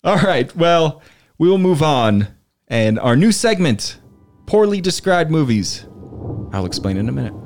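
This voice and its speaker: A man's voice: on the high side, sing-song, unhurried, darkish tone. A man hosting a podcast in casual chat, presenting trivia and games to his co-hosts. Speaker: podcast host.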